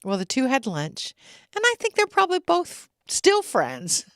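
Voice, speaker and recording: Slow, lively-voiced woman giving a spiritual talk. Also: high voice, dry recording, clean studio sound. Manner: slow, reflective, laughs between stories.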